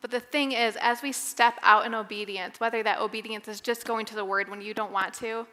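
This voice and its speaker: A young adult woman giving a candid personal testimony at a women's Bible study, talking conversationally with fillers and pauses. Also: on the high side, fairly even intonation, sharp tone, long reverb tail. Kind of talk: personal testimony devotional talk.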